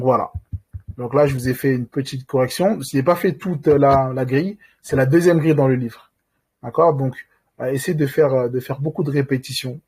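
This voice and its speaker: A man teaching reading in a recorded lesson, patiently walking through each point and slowly stretching out sounds to model how they are said. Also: medium pitch, a little mellow, slightly rough.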